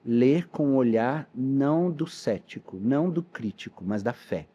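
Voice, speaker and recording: Man, pastor in a podcast interview, earnest storyteller, mellow husky voice on a dull recording. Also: mid-range voice, expressive, a little slow. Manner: storytelling, earnest, quotes dialogue. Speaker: pastor and missionary.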